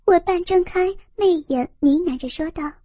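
A woman narrating a first-person story in a steady, intimate reading voice. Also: very high-pitched, moderate pace, dry recording, studio quality.

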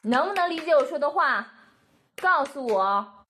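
A woman's voice: sits high, expressive, a little slow, a bit bright, a little hiss or hum. A woman playing a scornful, foul-mouthed dominatrix in an adult role-play recording, speaking in a harsh, taunting manner and firing the same questions again and again. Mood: contemptuous. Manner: harsh, taunting, swears a lot, repeats questions.

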